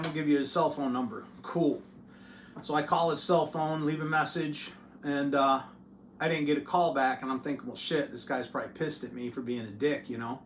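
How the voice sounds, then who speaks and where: A man who hosts his own channel, telling a story to camera in a loose, profane and animated way. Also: a little high, roomy sound, a little hiss or hum. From United States. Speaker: channel host.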